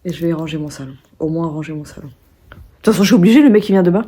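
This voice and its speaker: A young woman with a low, husky, dark voice chats rapidly in a casual vlog recorded indoors at home. Her talk rambles, full of restarts and fillers.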